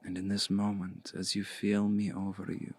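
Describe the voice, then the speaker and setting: In an intimate ASMR roleplay, a man plays a commanding, seductive vampire, speaking in a monotone. His voice is low, gravelly, and breathy, delivered slowly and deliberately in a hushed, frequently near-whispered, coaxing way, recorded dry on a close mic.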